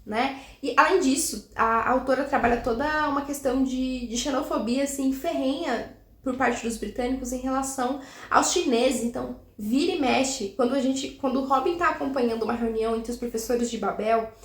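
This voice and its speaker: Young woman book vlogger, higher voice, chatty and animated, recorded in an echoey room. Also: moderate pace. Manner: chatty, animated, many restarts and laughs. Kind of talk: casual book review chat.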